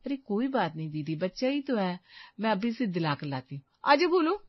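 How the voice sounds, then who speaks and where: A woman voicing a kind, busy young married woman who bosses her friend around in a lively way. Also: medium pitch, normal speed, no room sound, muffled recording.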